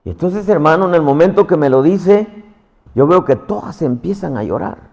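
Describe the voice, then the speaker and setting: A man's voice: on the high side, expressive, moderate pace, creaky, darkish tone, long reverb tail. A man preaching a passionate sermon, calling his listeners "hermano" again and again.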